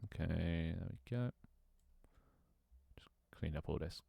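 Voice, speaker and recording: This is casual live-stream chatter from a young man gaming, addressing viewers and muttering to himself as he gets set up, restarting often and laughing. He speaks low-pitched, slow and gravelly but animated. The recording is muffled, without echo.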